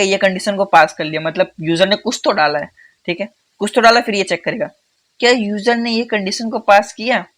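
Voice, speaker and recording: A man teaching a casual coding tutorial who talks fast in a chatty way, calls viewers "bhai" and repeats phrases for emphasis. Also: sits high, a bit bright. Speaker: coding instructor.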